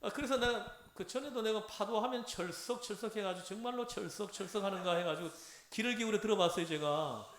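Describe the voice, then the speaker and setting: A man giving a lively Bible lecture, acting out lines and having his class repeat them. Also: sits high, brisk, few pauses. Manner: animated, acts out dialogue, has audience repeat phrases. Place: church lecture room. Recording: echoey room.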